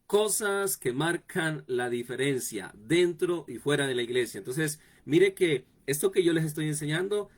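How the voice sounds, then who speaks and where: A male pastor delivers a sermon-style teaching, voice pitched a bit above the usual man's. He talks straight to his listeners and repeats his phrases for emphasis. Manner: repetitive, direct address to the congregation.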